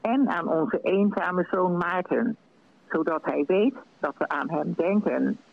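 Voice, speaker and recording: A man's voice: high-pitched, slow, gravelly, slight background noise, heavily acted. A man voicing a cheerful, hearty father who welcomes everyone in, in a dull, dry radio recording. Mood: welcoming.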